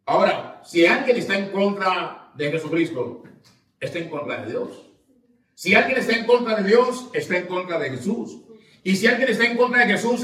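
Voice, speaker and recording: Male pastor, high voice, slow deliberate sermon, recorded from a distance in a reverberant church. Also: fairly bright tone. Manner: preaching with call-and-response questions; reads scripture aloud with rising emphasis. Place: church sanctuary. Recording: echoey church, mic at a distance.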